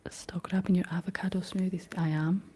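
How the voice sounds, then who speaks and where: A young woman from Scotland whispers gently on her ASMR livestream, unhurriedly answering comments. She speaks in a husky, level tone that is deep for a woman, with a slight frog in her throat.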